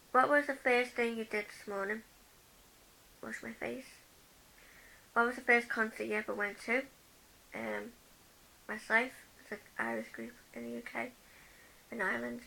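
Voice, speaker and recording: A young woman from the UK chats through a vlog tag, reading each question aloud before answering with a personal story. Her voice is bright and a little high, with a gravelly edge. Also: rough recording. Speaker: vlogger.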